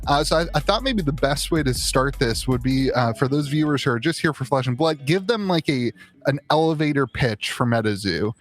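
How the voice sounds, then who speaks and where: A man's voice: mid-range voice, animated, fairly quick. A man hosting an interview show, chatting casually and enthusiastically with frequent restarts. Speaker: host.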